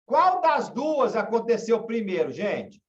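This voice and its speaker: Slow, lively Brazilian teacher. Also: male voice, high voice, far from the mic. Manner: questioning, repeats example sentences. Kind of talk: online class lesson. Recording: dull, echoey room from afar.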